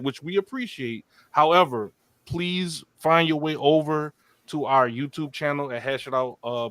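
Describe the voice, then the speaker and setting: A man's voice: medium pitch, a bit bright, dry recording. Laid-back man on a dry mic. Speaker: podcast co-host reading out chat. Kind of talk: casual live-stream podcast chat.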